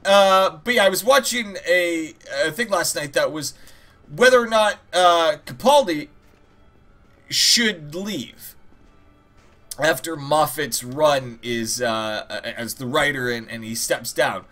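A gaming video host speaks slowly in a higher-than-average, fairly bright voice over game music. His casual commentary rambles and jokes, full of swearing and mock-dramatic asides.

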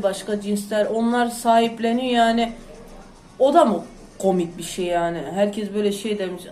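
A woman chatting loudly and rambling to her viewers in a casual home vlog. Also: mid-range voice, slight background noise. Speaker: vlogger. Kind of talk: casual chat to camera. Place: home, indoors. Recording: echoey room.

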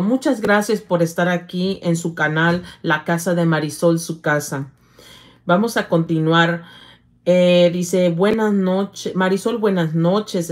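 A middle-aged woman hosts a casual livestream, greeting viewers by name as she reads their comments. Her voice sits a little low, and her speech is warm toward her viewers but halting, with some stumbles. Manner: affectionate, calls viewers "hija", halting with slips. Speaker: livestream host.

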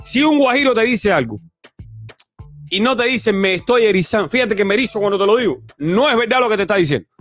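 Animated Cuban man hosting a livestream. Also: quick pace, soft background music. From Cuba. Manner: animated, swings between loud exclaiming and low mutters. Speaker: host. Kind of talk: casual commentary livestream.

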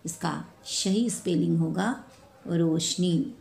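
A woman teaching a spelling lesson to children, repeating each word slowly and correcting mistakes one by one. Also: on the low side, vocal fry, darkish tone. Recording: echoey room with faint ambient noise.

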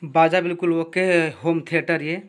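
A man teaching electronics repair, explaining each wiring step slowly and with a lot of repetition at his workbench. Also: on the high side, flat delivery, noisy background. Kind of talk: hands-on repair tutorial.

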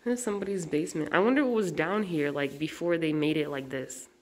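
A woman's voice: deep voice, fast. A woman in her twenties vlogging casually while touring a historic house and garden, talking enthusiastically and saying "like" a lot. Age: 20s. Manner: chatty, enthusiastic, lots of "like". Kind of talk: casual chat. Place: historic house museum and garden, indoors and outdoors.

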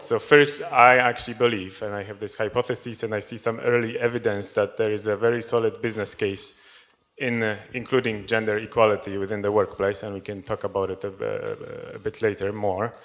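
Low, flat-voiced man on a panel. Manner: hesitant, many fillers and restarts. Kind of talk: conference panel introduction. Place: conference hall with audience. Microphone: handheld microphone.

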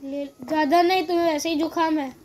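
Roleplay player, high voice, calm bossy big-sibling manner. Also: fast talker, a little hiss or hum. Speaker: roleplay player as older brother. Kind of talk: casual gaming roleplay chat.

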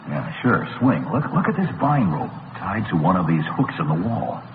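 A deep-voiced daring adventurer on old-time radio. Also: male voice, very animated, moderate pace. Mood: urgent. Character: steady, daring male adventurer, the leader. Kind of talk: old radio show drama acting. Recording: scratchy old-time radio broadcast, tinny, roomy echo.

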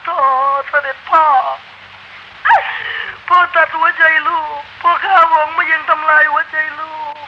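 A man's voice: very high voice, little pitch movement, measured pace, a little hiss or hum. A male shadow puppeteer voicing a grief-stricken young princess who pleads and sobs. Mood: sobbing. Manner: sobbing, pleading. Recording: muffled recording with traditional music behind.

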